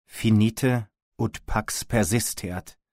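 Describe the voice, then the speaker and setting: A man voicing a tall male leader of a gathering in an audiobook, speaking in a slow, measured, beseeching way. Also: on the low side, breathy edge, dry recording, studio quality. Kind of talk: audiobook character voice.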